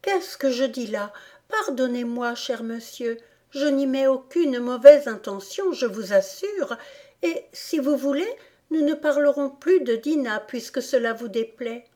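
A woman's voice: high-pitched, unhurried, dark tone, pitched above the performer's own voice. A woman reading an audiobook, voicing a polite, eager young girl in a raised, sweet voice. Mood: apologetic.

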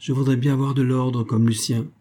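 A man's voice: mid-range voice, flat delivery, brisk, warm tone, lightly acted. A man voicing a tearful little boy who begs and wails, in a storybook reading. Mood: wistful. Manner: wailing, begging.

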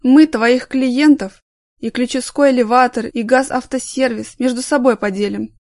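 A woman's voice: a little high, fairly even intonation, normal speed, a little mellow, dry recording, close to an everyday voice. A contemptuous office colleague who brushes others off with scorn, voiced by a woman reader. The sound is dry and close. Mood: scornful. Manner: contemptuous, dismissive.

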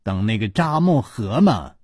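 A man voicing a sharp-tongued young woman in a told story, scolding and mocking. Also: on the low side, big pitch swings, a little slow, husky, no room sound, studio quality, heavily acted.

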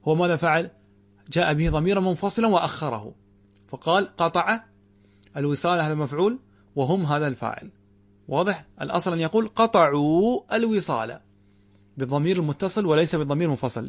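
A man teaching a grammar lesson, reciting quoted verses slowly and drawn out, and questioning his students rhetorically. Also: fairly high pitch. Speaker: Islamic scholar teaching grammar.

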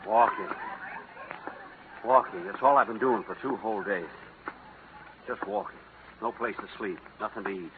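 A man's voice: fairly low pitch, normal speed, pauses often, voice pushed down, close to an everyday voice. Weary penniless drifter played by a man, old radio. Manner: weary, self-pitying. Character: hungry, penniless, downcast American drifter. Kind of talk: 1940s radio comedy sketch acting. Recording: scratchy narrow-band 1940s radio recording.

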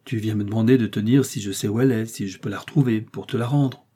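Audiobook: male reader as a gentle, patient detective, mellow and slightly husky. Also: on the low side, steady tone, quick pace. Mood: coaxing. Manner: gentle, questioning. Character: calm, kindly middle-aged male detective.

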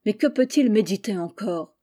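A woman's voice: medium pitch, animated, moderate pace, warm tone, close to an everyday voice. A woman voicing a suspicious, fearful king in a storybook reading, firm and emphatic. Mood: stern. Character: suspicious, frightened old king.

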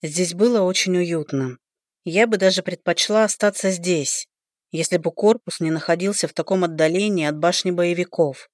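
A woman narrating a fantasy novel in first person, in an even storytelling delivery, on a close studio mic. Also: fairly low pitch, normal speed, no room sound. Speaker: audiobook narrator.

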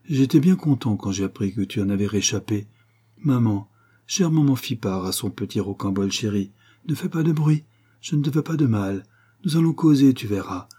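A sly young swindler coaxes in a honeyed, wheedling murmur, dark-toned and husky, as a man reading the book puts him on. The voice stays low and close, sweet on the surface. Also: expressive, moderate pace. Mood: coaxing. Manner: wheedling, mock-humble.

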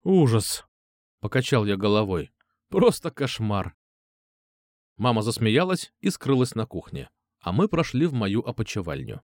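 Guy reading an audiobook in first person, wry, lively melody, dead dry sound. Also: on the low side, a little fast, hardly any pauses, no room sound. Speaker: audiobook narrator.

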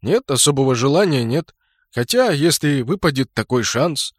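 A man reading an audiobook, voicing a blunt, bloodthirsty young knight with loud outbursts. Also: medium pitch, lively intonation, moderate pace, no echo, studio quality, close to an everyday voice.

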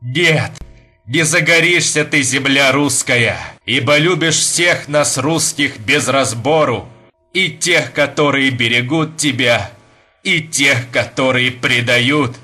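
A man's voice: medium pitch, slow pace, sharp tone, faint music behind. A man reading an audiobook voices a fervent young Russian man who speaks in an archaic, impassioned way.

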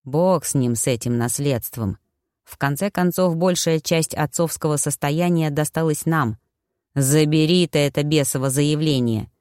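A woman reading an audiobook, lowering her voice for a stern, gruff middle-aged uncle. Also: moderate pace, a little mellow, dry recording, clean studio sound, lightly acted. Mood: grim. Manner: low, grumbling, heavy.

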